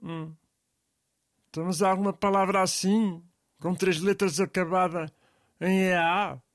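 A man's voice: high voice, fairly even intonation, unhurried, no room sound, studio quality. A man with a European Portuguese accent in comic scripted banter, asking puzzled questions and giving in easily.

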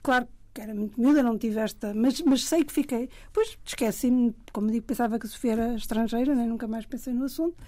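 A woman writer with a European Portuguese accent chats casually as a panel guest, reflective and self-deprecating, often restarting her sentences. She talks fast with hardly any pauses, her voice fairly high in pitch but dark in tone.

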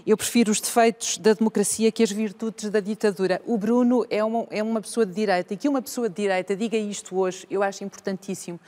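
A woman, speaking earnestly on a live debate panel, pausing often with hesitations. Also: mid-range voice, a little mellow.

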